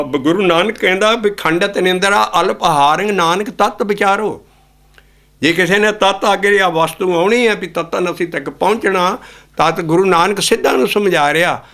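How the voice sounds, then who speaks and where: A man's voice: sits high, normal speed, sharp tone. A man preaching a Sikh sermon, explaining scripture lines and then singing them. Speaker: kirtan singer and preacher.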